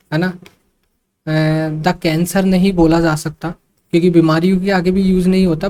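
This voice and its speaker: A man's voice: sits high, darkish tone. A man teaching an online exam-prep grammar lesson in a patient, repetitive way. He circles back to each point and keeps checking in with short fillers. English terms slip into his explanations. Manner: explains slowly, repeats points, frequent fillers like 'see' and 'okay'; mixes English terms into speech.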